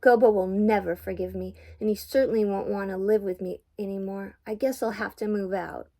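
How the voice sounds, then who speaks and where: A small, fretful young male Fraggle wails his words out high and shaky, as an older woman puts him on. He sounds timid and tearful, his voice catching with a gravelly rasp. This is a cozy storybook read-aloud. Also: fairly even intonation, warm tone, lightly acted. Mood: miserable. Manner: wailing, sobbing, halting.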